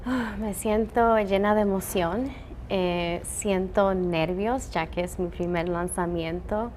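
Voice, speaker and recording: Dominican-born woman engineer, interviewee, earnest and halting, light noise underneath. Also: mid-range voice, a little mellow. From Dominican Republic. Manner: earnest, with frequent "eh" fillers. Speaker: telescope operations engineer. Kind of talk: interview answers.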